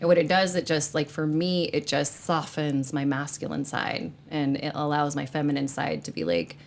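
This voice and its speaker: A woman's voice: low-pitched, normal speed, vocal fry, slight background noise. A woman hosting a casual group discussion, speaking earnestly and acting out the people she quotes. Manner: earnest, animated, acts out quoted speech.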